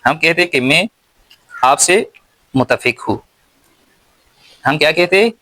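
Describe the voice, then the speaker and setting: A man with a Pakistani accent teaching English slowly and deliberately, pausing word by word and repeating his questions. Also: on the high side, sharp tone, no echo, low-quality recording. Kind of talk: slow spoken English lesson.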